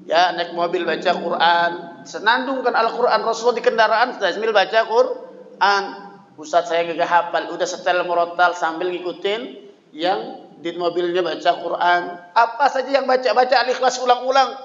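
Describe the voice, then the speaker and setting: High-voiced man teaching in an echoey hall. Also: moderate pace, fairly bright tone. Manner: reads Arabic lines then explains them, chants verses in between; conversational, with frequent "ya" checks to the audience. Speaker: Islamic religious teacher. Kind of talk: study-circle teaching. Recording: echoey hall with long reverb, dull lo-fi sound.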